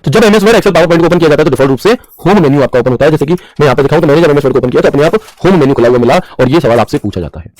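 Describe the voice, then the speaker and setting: Fast-talking man teaching with quizzing repeats. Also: on the high side, animated, darkish tone, no echo, low-quality recording. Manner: repeats questions to the class and answers them; mixes English terms into Hindi, calls students bhaiya. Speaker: computer teacher. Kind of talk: screen-share tutorial lesson.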